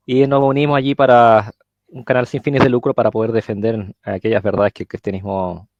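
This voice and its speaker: Chilean male guest, halting delivery, muffled lo-fi sound. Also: fairly low pitch, flat delivery, a little mellow, no room sound. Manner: hesitant, searching for words, many fillers. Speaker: guest speaker. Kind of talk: live-stream religious discussion.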